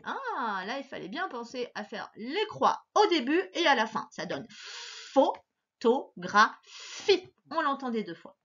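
Bright, lively woman teacher, slow and reassuring, dull lo-fi recording. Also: a little high. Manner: patient, slow and encouraging, stressing each sound. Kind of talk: recorded phonics lesson for a child.

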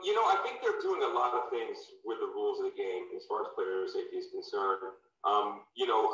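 A former football player turned filmmaker from Louisiana, talking loosely in an interview with lots of fillers and restarts. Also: male voice, fairly low pitch, sharp tone. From Louisiana, USA. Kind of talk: casual interview. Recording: distant, roomy, dull remote audio.

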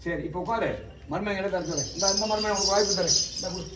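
Speaking fast in a high voice, a man serving as a temple oracle medium runs a ritual session, questioning and coaxing people with easy familiarity. The mic is distant, the sound echoey, and background noise is loud.

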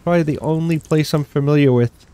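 A man's voice: fairly high pitch, quick pace, smooth. An older man with a Boston accent, casually commentating a survival game he is playing, muttering to himself as he loots. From New England. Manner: relaxed, muttering to himself while looting. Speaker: gaming YouTuber.

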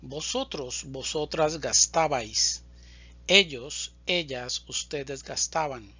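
A man teaching Spanish, slowly and deliberately reciting verb conjugations in a drill. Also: fairly high pitch, sharp tone, husky, no echo, lo-fi sound. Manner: deliberate, enunciates each word.

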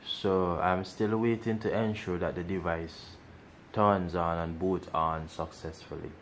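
A man's voice: deep voice, fairly even intonation, measured pace, a little hiss or hum. A man hosting a casual how-to video, explaining each step and repeating instructions as he goes. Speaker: tech tutorial host.

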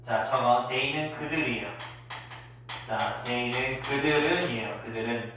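A man's voice: mid-range voice, slow pace, noisy background. A Korean man teaching English to kids in a classroom, drilling pronunciation and having them repeat words after him. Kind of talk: classroom phonics lesson. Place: echoey classroom at an academy. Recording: roomy echo, distant mic.

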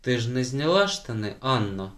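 A man's voice: medium pitch, very animated, normal speed, a bit bright. A man reading an audiobook voices a strict old spinster schoolteacher who speaks sternly and raises her voice in alarm. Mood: hushed worried. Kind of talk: audiobook character voice.

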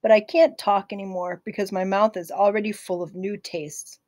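A woman narrating a novel in the first person, calm, gentle and reflective. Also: mid-range voice, moderate pace, no echo, studio quality. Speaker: audiobook narrator.

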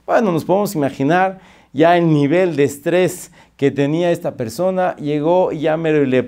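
A man's voice: fairly high pitch, normal speed, mellow. Earnest man. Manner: earnest, repetitive exhortation. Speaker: religious speaker. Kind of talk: moral storytelling talk.

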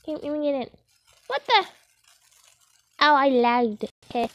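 Very high-pitched playful woman gamer. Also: lively intonation, measured pace, fairly bright tone, no echo. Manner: silly, rambling, playing a role with jokey asides. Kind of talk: playful gameplay commentary.

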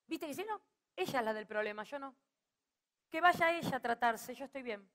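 High bright Argentine woman preaching. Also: animated, normal speed. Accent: Rioplatense Spanish. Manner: rousing, calls out to the audience. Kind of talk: sermon.

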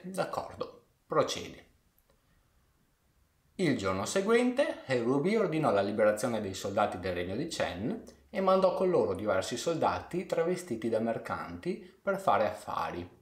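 Low-voiced male history storyteller. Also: roomy sound. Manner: measured, with playful asides to viewers. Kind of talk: storytelling narration.

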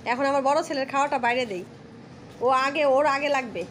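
A woman's voice: high-pitched, fast talker, slight background noise. Chatty woman vlogger at home. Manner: chatty, animated, addresses viewers as brothers and sisters. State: swollen face from toothache. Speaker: village vlogger. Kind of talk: casual vlog chat to viewers.

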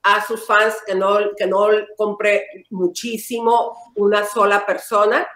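A middle-aged woman co-hosting a casual gossip chat over a video call, teasing and emphatic, quick to argue her point. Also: mid-range voice, flat delivery, a bit bright. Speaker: co-host. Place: home room with staircase. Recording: echoey room.

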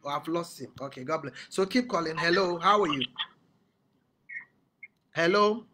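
A man's voice: on the high side, moderate pace, noisy background. A man hosting a live call-in broadcast as a prophet, urging callers with commanding, repeated instructions. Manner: commanding, repetitive exhortations.

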